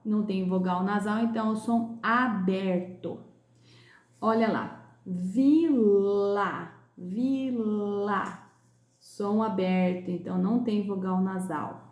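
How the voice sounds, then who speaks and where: Woman teacher, slow deliberate pace, drawn-out sounding of words, roomy echo. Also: medium pitch. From Brazil. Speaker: primary school teacher. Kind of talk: recorded class lesson correction.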